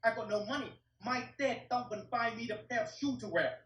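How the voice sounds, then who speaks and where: Heard from a distant mic with roomy echo, a middle-aged man from Vietnam who teaches martial arts tells his story bluntly in broken English, swearing frequently. His voice is very high-pitched and a bit bright, and he speaks briskly in this interview.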